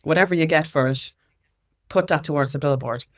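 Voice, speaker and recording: This interview guest is an Irish campaigner for music equality whose low voice runs a little fast. She tells anecdotes with energy, repeats phrases to drive points home, and performs the conversations she quotes.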